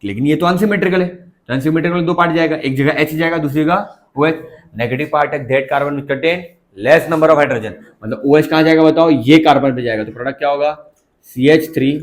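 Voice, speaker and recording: Coaxing Hindi-speaking chemistry teacher, fairly high voice. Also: male voice, moderate pace. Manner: coaxing, keeps asking students if they understood. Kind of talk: classroom lecture.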